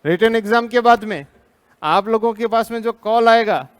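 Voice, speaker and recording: Indian man, teacher, live lecture, repeats questions, firm, teasing, high voice. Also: normal speed, clean tone. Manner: drills the class with repeated questions.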